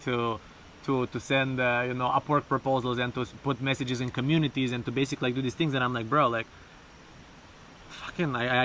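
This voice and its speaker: A man talking casually and haltingly in an unscripted personal vlog, repeating words and speaking informally, outdoors. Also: mid-range voice, bright, forceful tone, a little hiss or hum, rough recording. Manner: informal, sprinkled with swearing and bro. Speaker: vlogger. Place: outdoors, bathing in a river.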